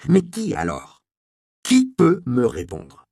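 A man's voice: on the high side, wildly swooping pitch, slow pace, vocal fry, a little mellow, dry recording, clean studio sound, voice pushed up, heavily acted. A man voicing an angry apothecary who speaks in curt, menacing lines. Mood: stern. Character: angry grown male apothecary.

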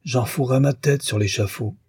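A man's voice: medium pitch, normal speed, a little mellow, breathy edge. A man doing a wheedling, boastful bohemian.

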